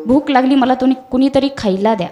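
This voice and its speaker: A woman voicing a proud prince from an epic tale, stranded in a fire and shouting for food and water. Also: high-pitched, moderate pace, music in the background, lightly acted. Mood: begging loudly. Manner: shouting, pleading.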